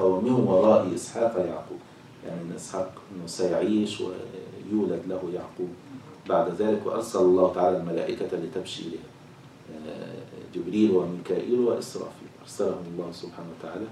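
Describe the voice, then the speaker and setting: A very deep, dark-toned man gives a Quran commentary lesson. He recites each verse slowly, then explains it in plain talk. His voice comes from a distance in a very echoey room with faint noise behind. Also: gravelly. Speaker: Quran teacher. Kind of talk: tafsir lesson. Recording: echoey room, voice far from mic.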